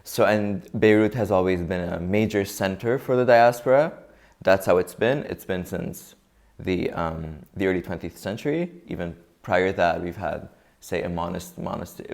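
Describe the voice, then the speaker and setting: Brief: young male interview guest from Lebanon, low and gravelly, measured and reflective. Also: a little mellow. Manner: thoughtful, measured, restarts often. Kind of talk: interview answers.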